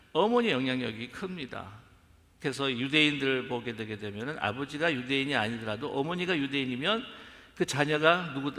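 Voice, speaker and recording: A male pastor delivers a sermon with a bright, gravelly voice that is pitched a little high. He addresses the congregation directly and throws rhetorical questions at them. His voice rings with a long echo through a church sanctuary.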